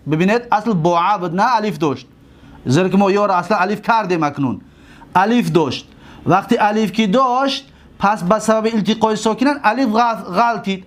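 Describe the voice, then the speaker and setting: A man with a Tajik accent teaches a grammar lesson in a high voice. He goes over word forms again and again, stopping often to ask whether his listeners have followed. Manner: repeats forms and asks pupils checking questions. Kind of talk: recorded lesson on Arabic grammar.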